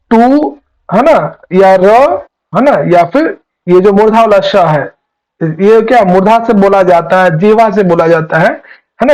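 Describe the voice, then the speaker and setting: High-voiced man teaching Sanskrit grammar. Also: darkish tone, rough recording. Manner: patient, keeps asking students questions. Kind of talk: online class teaching. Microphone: online class.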